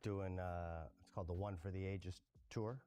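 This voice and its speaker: Low-voiced, easygoing male magician. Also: steady tone, normal speed, mellow. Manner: easygoing, hesitant, thinking aloud. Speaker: magician and comedian guest. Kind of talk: casual chat.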